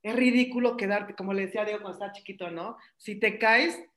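A woman with a Mexican Spanish accent, a mother telling her personal story in an animated, emotional way. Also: mid-range voice, quick pace. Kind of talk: personal testimony in conversation.

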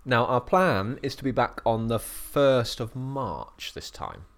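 A man's voice: medium pitch, expressive, slow pace. A British man co-hosting a podcast in casual chat, jokey and laughing often as he talks from an office. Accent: British English. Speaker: podcast co-host. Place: office at a bird of prey centre.

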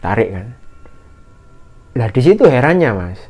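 A man telling a mountain story in casual conversation, acting out the shouted lines of others in a raised voice. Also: unhurried, husky. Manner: animated, acts out shouted quotes in a higher voice. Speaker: guest storyteller. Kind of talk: casual spoken horror story.

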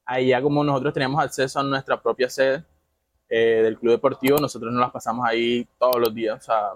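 A man with a Colombian Caribbean accent, a podcast guest telling stories in a relaxed, chatty way. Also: medium pitch, fast talker, no echo. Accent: Colombian Caribbean Spanish. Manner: relaxed, chatty storytelling with frequent laughs. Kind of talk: casual conversational interview.

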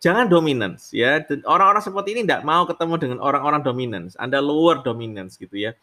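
A man's voice: a little high, animated, quick pace, pushed and bright. A man giving a lecture on leadership, often adding "gitu ya" tags, asking rhetorical questions and mixing in English terms.

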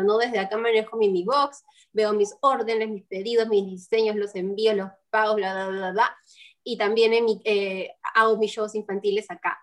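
A young woman with a Peruvian accent chatting with many fillers, speaking over a video call from home. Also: mid-range voice. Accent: Peruvian Spanish. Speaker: guest, children's entertainer. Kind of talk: casual chat.

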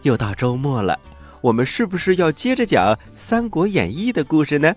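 A man hosting a children's story show, telling tales expressively and pausing to explain things to young listeners. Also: on the high side, sing-song, music in the background. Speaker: host and storyteller.

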